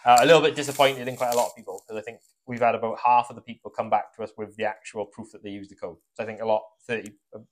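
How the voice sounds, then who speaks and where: A man's voice: fairly low pitch, fairly even intonation, rapid-fire, hardly any pauses. A man, co-hosting a casual chat and musing about life in a rambling, sweary way. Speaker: podcast co-host.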